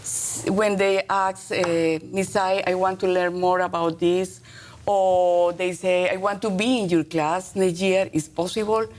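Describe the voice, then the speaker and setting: A middle-aged woman from Colombia, a native Spanish speaker with a Colombian accent, answering interview questions as a teacher in halting, earnest English with short emphatic phrases. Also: lowish voice, fairly even intonation, a little hiss or hum.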